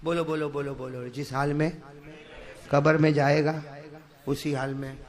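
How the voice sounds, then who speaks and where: A middle-aged male preacher, giving a live sermon that swings from quiet coaxing to shouted fervor as he urges the crowd to answer back. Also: on the high side, flat delivery, unhurried.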